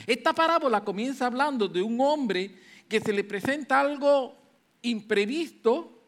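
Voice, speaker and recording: A man's voice: very high-pitched, animated, unhurried. A man preaching a sermon, emphatic and repeating hallelujah between points.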